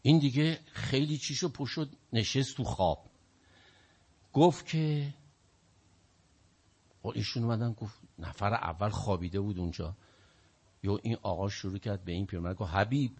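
A male preacher with a husky voice telling religious stories in a sermon, shifting between hushed narration and loud emphasis. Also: on the low side, pauses often. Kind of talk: sermon storytelling.

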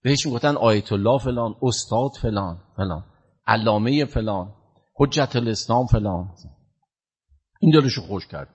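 Male preacher, breathy timbre, muffled recording, dramatic sermon storytelling. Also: fairly low pitch. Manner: animated, swings from loud to hushed. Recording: dull lo-fi sound.

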